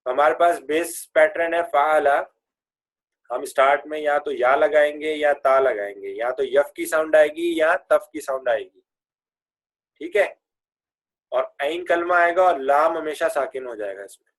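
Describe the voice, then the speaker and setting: ایک مرد استاد کلاس میں عربی فعل کے صیغے پڑھاتا ہے، انگریزی اصطلاحات ملا کر بولتا ہے اور طلبہ سے صیغے دہرواتا ہے۔. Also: male voice, on the high side. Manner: chants verb forms and has students repeat; mixes English grammar terms into his speech. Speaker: Arabic grammar teacher. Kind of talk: classroom lesson with recitation drills.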